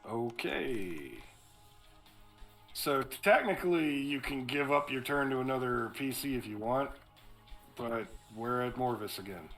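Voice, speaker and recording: Male game master, casual tabletop narration, forceful and creaky, faint music behind. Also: medium pitch, expressive, a little slow.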